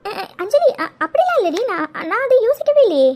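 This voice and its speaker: A very high, girlish voice for a lovestruck young woman in a homemade cartoon serial, performed by a woman. She frets to herself and stammers when cornered. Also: fast. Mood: flustered. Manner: flustered, stammering, talks to herself. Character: young woman dreaming of a mystery lover.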